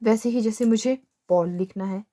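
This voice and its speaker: A woman's voice: medium pitch, normal speed, warm tone. A young woman teaching shorthand step by step, patiently asking questions and then answering them herself. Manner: patient, repeats "ठीक है" and asks herself questions. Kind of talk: step-by-step classroom explanation.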